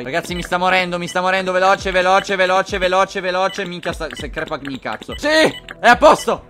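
A young man giving crude, sarcastic commentary while playing a game, often yelling. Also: sits high. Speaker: gaming video host. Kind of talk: casual gameplay commentary.

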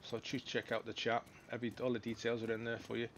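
Excitable male gaming streamer. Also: mid-range voice, quick pace, a little hiss or hum. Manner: shouts excitedly in fights, chatty when calm. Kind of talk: live gameplay commentary.

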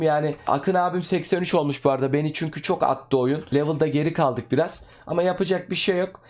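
A young man giving casual, excitable commentary over his own gameplay, chatting to his viewers like friends. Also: on the high side. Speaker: gaming YouTuber.

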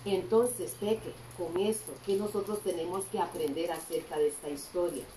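A woman teaching a Bible story to children in Sunday school, telling it with lively expression and asking the kids questions along the way. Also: lowish voice, moderate pace. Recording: roomy echo, distant mic, faint background hum.

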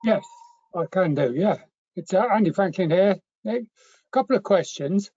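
A man's voice: sits high, animated, moderate pace, mellow, no room sound. A man asking polite questions during a meeting held over a video call. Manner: polite, brief acknowledgements. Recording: dry, muffled video call audio.

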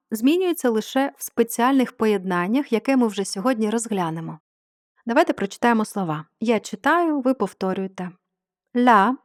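A woman teaching French online, explaining patiently and drawing out her model words slowly. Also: on the high side, no room sound, clean studio sound. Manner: slow, drawn-out model words. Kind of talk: online grammar lesson.

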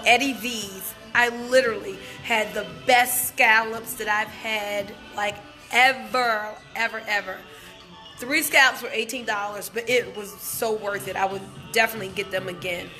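With a fairly high pitch and a sharp tone, a middle-aged woman livestreams from an indoor gym on a phone held at arm's length. She promotes a wellness business and chats casually and enthusiastically with her viewers.

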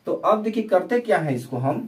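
Far from the microphone, a man with a high voice and big swings in pitch teaches English tenses in Hindi. He keeps things slow and repetitive, asking questions and then giving the answers himself.

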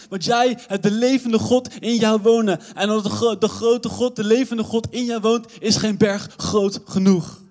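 A young man, a youth pastor with a Dutch accent, preaching a lively sermon with playful asides to the audience. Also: sits high. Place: church hall. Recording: long reverb of a church hall.

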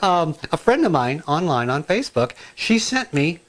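Excitable middle-aged man rambling in his kitchen. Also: fairly high pitch, moderate pace. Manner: rambling and excitable, many asides and ums. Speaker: home cooking and gardening vlogger. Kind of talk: casual chatty kitchen vlog. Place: home kitchen, indoors.

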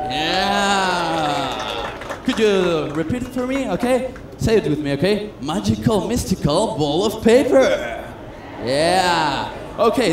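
Man, high voice, chatty self-mocking magician patter; echoey stage, noisy room. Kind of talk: comedic stage patter with audience. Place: cruise ship stage. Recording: echoey stage sound with noise.

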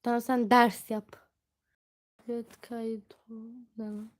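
A young woman streaming a mobile game, snapping at her teammates and muttering to herself between bursts of shouting. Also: fairly high pitch, little pitch movement, slow pace. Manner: yells at teammates, then drops to mutters and whispers. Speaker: gaming streamer. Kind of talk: live gameplay commentary.

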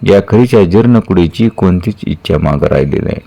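A man voicing a dying old mentor, low and solemn. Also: animated, vocal fry, lo-fi sound, exaggerated voice. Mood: tender farewell. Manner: measured, solemn counsel. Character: dying old male mentor, calm and grave.

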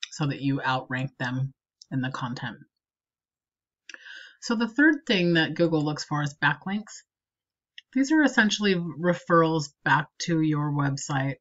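A woman's voice: low-pitched, highs cut off. Woman explaining SEO over a screen recording. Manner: explanatory, steady and practical. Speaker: marketing consultant.

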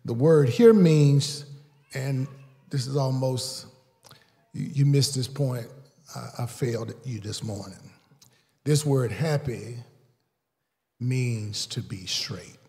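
Slow-preaching pastor in a hall. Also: male voice. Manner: call-and-response preaching, swelling louder and higher for emphasis. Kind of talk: sermon. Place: large church sanctuary. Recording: long reverb of a large hall.

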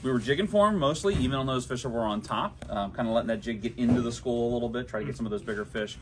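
Amid the glass display cases inside a tackle shop, a young employee gives a casual fishing report against a noisy background. His mid-range voice moves rapid-fire as he offers easygoing, practical fishing advice, peppered with frequent ums.

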